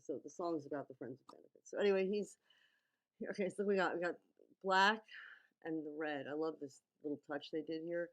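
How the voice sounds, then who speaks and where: Woman with a lowish voice doing casual teachery video breakdown, keeps checking ur following. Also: fairly quick, low-quality recording. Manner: teacherly, checks in with okay and right. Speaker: video commentator breaking down a music video. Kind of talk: casual running commentary and film analysis.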